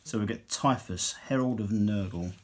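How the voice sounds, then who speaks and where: A man's voice: on the low side, normal speed. A man casually reviewing a hobby magazine, reading passages aloud and adding dry asides. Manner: chatty, dry asides, reads text then comments.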